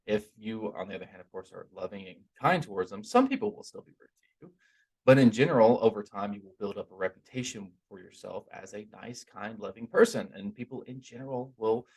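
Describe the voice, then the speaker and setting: A man giving an informal, earnest spiritual talk in a conversational, stop-and-start way, his r sounds softened toward w. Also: fairly low pitch, expressive, fairly quick, vocal fry, breathy edge, poor audio. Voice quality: trouble pronouncing r, softened toward w. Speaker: religious teacher giving a talk.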